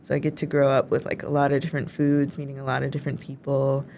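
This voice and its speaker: Young woman, from Chicago, twenties, low voice, casual chat, filler-heavy. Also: monotone, quick pace, darkish tone, a little hiss or hum. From Chicago suburbs, United States. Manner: chatty, heavy use of filler "like". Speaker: co-host.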